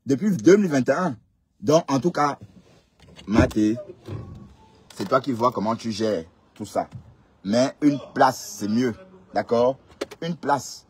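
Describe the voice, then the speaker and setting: A man's voice: medium pitch, measured pace, pauses often, a little mellow, a little hiss or hum. A man hosting a live stream, chatting casually and lecturing his commenters. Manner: chatty, scolding, addresses commenters directly.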